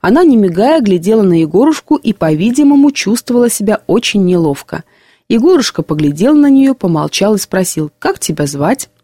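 A woman narrating classic prose in a measured, expressive storybook reading. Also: mid-range voice, dry recording, studio quality.

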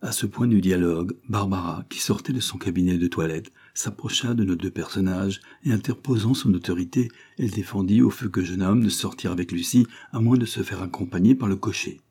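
A man narrating a classic novel in a steady, measured reading. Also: deep voice, slightly rough. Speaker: audiobook narrator. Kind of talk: scripted narration.

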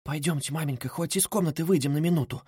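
A man voicing a frightened young sister, soft and hushed. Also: medium pitch, very animated, fast talker, no echo, clean studio sound, close to an everyday voice. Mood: anxious. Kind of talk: audiobook character reading.

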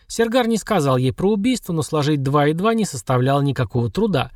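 A man's voice: a little high, big pitch swings, no echo. Male audiobook narrator, dry and close. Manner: measured storytelling. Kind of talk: scripted narration.

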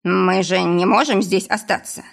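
A woman's voice: on the low side, steady tone, unhurried, vocal fry. Woman doing a panicky young man. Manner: nervous, panicky.

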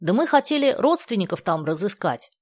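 A woman's voice: mid-range voice, very animated, brisk, dry recording, pitched above the performer's own voice. A woman reading aloud the lines of a sensible, well-mannered teenage girl with a slightly prim manner.

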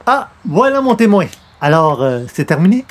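A man with a high-pitched, very animated voice speaks at a normal speed. He's acting in an old-time radio comedy as a genial, bumbling newspaper columnist, sounding hesitant and coaxing.

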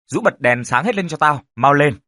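A man's voice: on the high side, expressive, normal speed, bright, forceful tone, no echo, clean studio sound. A man voicing a stern older rural uncle who deals with spirits, grave and commanding.

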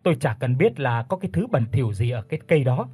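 A hot-tempered village father blusters and fumes, as a man plays him. His husky voice rushes along quickly when he is riled. It is heard in a narrated ghost story. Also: medium pitch, very animated, darkish tone, no room sound, heavily acted. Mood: angry. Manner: angry blustering.

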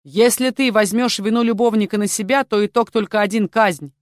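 A woman voicing a male castle guard chief who speaks quietly and confidently, with a cold edge. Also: medium pitch, fairly quick, no echo, clean studio sound, pitched above the performer's own voice, natural voice. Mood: soothing. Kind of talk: audiobook character voice.

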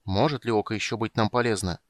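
A man's voice: lowish voice, fast, no room sound, studio quality, natural voice. A man reading aloud, voicing a troubled, earnest half-elf adventurer.

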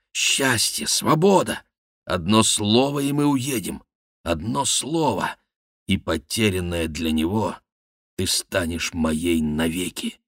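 A man voicing a passionate young nobleman, speaking low and hushed. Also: husky, no room sound, studio quality, full character voice.

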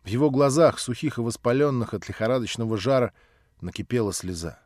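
A man's voice: mid-range voice, animated, brisk, darkish tone, dry recording, clean studio sound. Man reading a classic novel aloud. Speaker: audiobook reader. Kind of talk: literary audiobook narration.

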